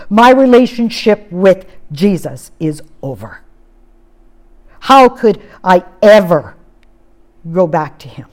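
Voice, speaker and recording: Woman preaching an expressive sermon. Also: mid-range voice. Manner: expressive, acts out quoted lines with rising and falling intensity.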